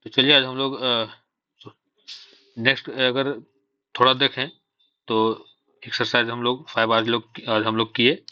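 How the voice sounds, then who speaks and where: A man's voice: medium pitch, flat delivery, unhurried, long pauses, pushed and bright, smooth, no echo, dull audio. A man teaching a shorthand lesson, patiently explaining step by step and asking himself questions before answering them. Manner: mixes English terms into Hindi. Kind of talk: classroom-style lesson.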